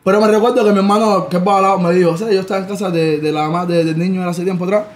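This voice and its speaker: Fast-talking Cuban man telling stories. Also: high voice. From Cuba. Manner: animated, rapid storytelling. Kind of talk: casual storytelling.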